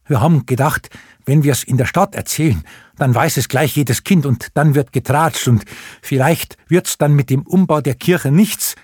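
A man's voice: on the high side, moderate pace, darkish tone, husky, no room sound, clean studio sound, pitched above the performer's own voice. A man voicing a timid village sexton who mumbles sheepishly.

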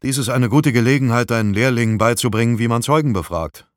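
A good-natured, brisk detective, voiced by the audiobook's male narrator, handing out orders with easy authority. The voice sits a bit above the narrator's usual low tone, in a dry, close recording. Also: no room sound, close to an everyday voice.

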